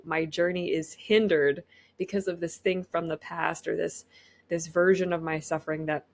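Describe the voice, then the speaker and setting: A woman co-hosting a podcast in casual chat, rambling with lots of fillers. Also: on the low side. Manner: rambling, lots of "like" and "you know".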